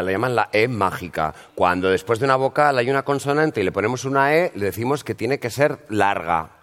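A man who teaches English pronunciation, giving a jokey, instructive talk to an audience and spelling sounds out. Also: on the low side. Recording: reverberant hall.

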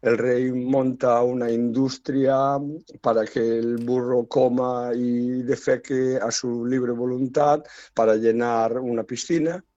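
A man, telling a folk tale in conversation in a wry, unhurried way. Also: medium pitch, level tone, warm tone, dry recording. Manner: unhurried, wry storytelling with quoted voices. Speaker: storyteller. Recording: dull lo-fi, dry sound.

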